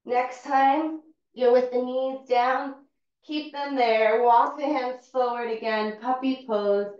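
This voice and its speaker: A woman with a fairly high voice leads a yoga flow, giving calm, unhurried cues. She sounds set back from the microphone in a very echoey room, and the sound is a little dull. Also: far from the mic. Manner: calm, unhurried cueing of movements. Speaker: yoga teacher. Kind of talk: guided yoga class instruction.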